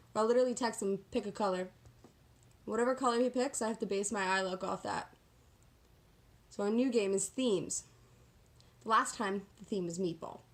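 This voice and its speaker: A woman giving a casual, chatty get-ready-with-me makeup tutorial, talking in a sassy, slangy, self-deprecating way. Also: medium pitch. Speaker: makeup vlogger.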